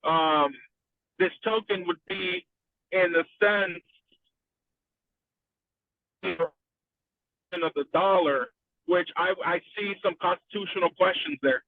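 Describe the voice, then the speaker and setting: Man, car speakerphone call, tinny phone line, dry sound, higher voice, halting questions. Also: gravelly, no room sound. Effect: phone call from a moving car on speakerphone. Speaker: panel participant calling in. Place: in a car while driving.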